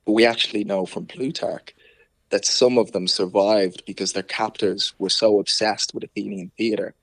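A man's voice: lowish voice, steady tone, moderate pace, no echo. A man with a Dublin Irish accent, explaining things conversationally as an author in an interview and often rewording himself. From Ireland.

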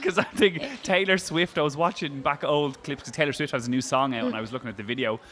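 A man's voice: mid-range voice, fairly even intonation, fast, fairly bright tone. A man with an Irish accent hosting a light, casual radio interview in a jokey, teasing way. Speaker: radio host.

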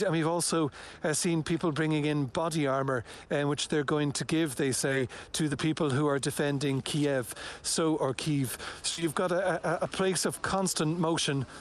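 A man's voice: fairly high pitch, fairly even intonation, normal speed, hardly any pauses. A male news reporter giving a live field report from outdoors at a border checkpoint, descriptive and sombre.

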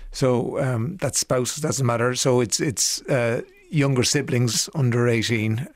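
A man conducting a conversational interview, with halting, hesitant phrasing. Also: medium pitch, steady tone.

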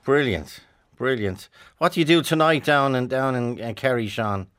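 A man's voice: mid-range voice, normal speed, a bit bright. An Irish man hosting a radio show, interviewing guests in a conversational style. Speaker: radio host.

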